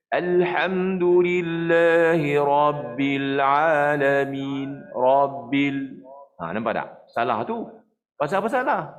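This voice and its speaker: A middle-aged man with a Malaysian Malay accent teaching Quran recitation to mosque officials. He asks and answers his own questions and demonstrates each sound. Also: medium pitch. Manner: explains slowly, then demonstrates recitation in drawn-out chant. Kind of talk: tajwid lesson for mosque officials.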